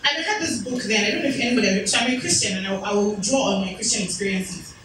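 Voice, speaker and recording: A woman in her thirties, rapid-fire and mid-range in pitch, gives a motivational talk at an event hall. She weaves in personal stories and chatty jokes at her own expense. The audio comes from far away in a noisy, echoey room.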